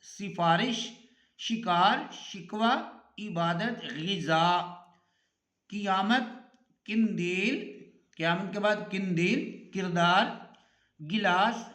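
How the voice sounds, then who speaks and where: A man's voice: high-pitched, sharp tone, roomy sound. A man teaching an Urdu pronunciation lesson, reading words out one by one and correcting common mispronunciations.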